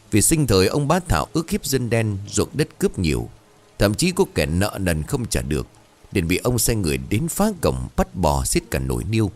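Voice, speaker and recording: Sex: man. Style: scripted ghost story narration. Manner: dramatic. Pitch: low-ish. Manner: dramatic, expressive reading.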